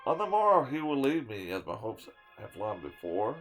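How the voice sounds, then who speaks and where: A man's voice: fairly low pitch, big pitch swings, moderate pace, faint music behind, rough recording. Theatrical man reading a poem. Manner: theatrical, swinging from loud to hushed; stumbles and restarts words now and then. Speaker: storyteller reading a poem aloud. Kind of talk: dramatic poetry reading.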